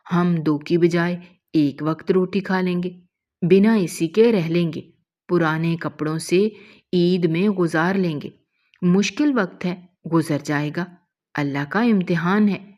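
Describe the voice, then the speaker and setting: Brief: woman voicing a sweet, coaxing young wife, low-pitched. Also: dull audio, natural voice. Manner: soft, coaxing, affectionate. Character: devoted young wife, gentle and affectionate. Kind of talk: emotional story reading.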